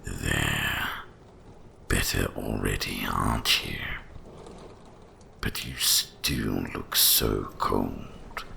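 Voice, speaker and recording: Here the same ancient, kindly winter dragon is voiced by a man for ASMR, heavily acted in a low, gravelly half-whisper broken by unhurried pauses. It sounds hushed, tender and calming, with slight background noise behind it.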